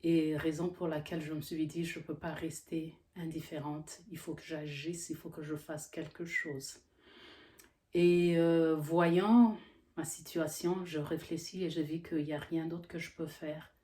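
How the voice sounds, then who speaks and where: A middle-aged woman from Congo with a low, deep voice speaks earnestly to the camera as a health professional. She talks steadily but often pauses to search for words. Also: fairly even intonation, warm tone. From Democratic Republic of the Congo. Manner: earnest, with frequent hesitations. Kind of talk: earnest educational monologue.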